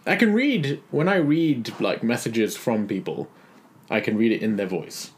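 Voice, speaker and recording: A man's voice: medium pitch, expressive, a little slow. A young man, co-hosting a podcast in casual, joking chat and laughing often. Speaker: podcast co-host.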